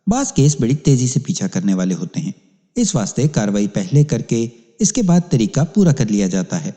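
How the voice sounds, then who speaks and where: A man's voice: mid-range voice, big pitch swings, dark tone. Man reading a dramatic audiobook. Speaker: storyteller narrating as police inspector. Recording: long hall reverb.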